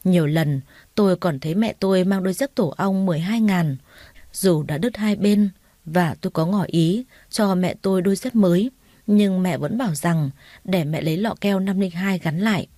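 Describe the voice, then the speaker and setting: A woman narrating a story in the first person with a steady, earnest reading. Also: lowish voice, moderate pace, no echo, studio quality.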